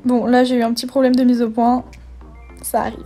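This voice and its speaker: A woman's voice: fairly high pitch, little pitch movement, brisk, mellow. A young woman narrating her get-ready-with-me routine, chatty and enthusiastic about her skincare and makeup. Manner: chatty, enthusiastic product commentary. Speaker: beauty vlogger. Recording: faint background music.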